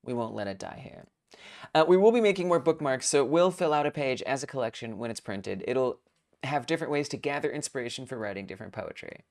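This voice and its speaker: Young woman, stream host, low voice, very animated, excitable, self-mocking. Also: fast. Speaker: host of a game jam stream. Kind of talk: casual live-stream chat.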